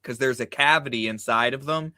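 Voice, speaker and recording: Bright-voiced guy co-hosting, playful, lots of teasing questions. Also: medium pitch, brisk, no echo, clean studio sound. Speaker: podcast co-host. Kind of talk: casual chat.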